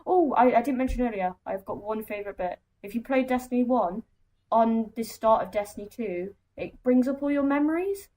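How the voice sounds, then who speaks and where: A woman's voice: on the high side, moderate pace, warm tone, rough recording. A woman co-hosting a casual gaming podcast, chatty and enthusiastic, with lots of "like" fillers. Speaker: podcast co-host.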